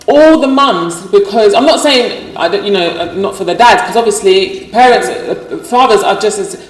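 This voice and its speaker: A woman's voice: medium pitch, animated, normal speed. A woman hosting an interview, chatty and openly emotional. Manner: chatty, emotional, laughs often. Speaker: interview host. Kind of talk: casual chat. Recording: echoey room, distant mic, faint noise.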